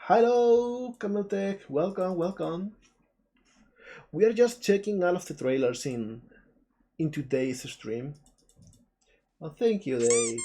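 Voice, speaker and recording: Game trailers get relaxed, chatty commentary on a live stream from a native Spanish speaker with a southern Spanish Andalusian accent. Warm and medium-pitched, the voice takes it slowly with long pauses as music plays behind it.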